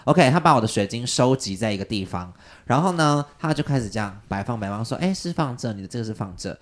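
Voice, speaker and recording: A man casually telling a long story on a podcast, animated and jumping up in pitch when he quotes people. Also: fast. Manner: animated, jumps high when quoting people.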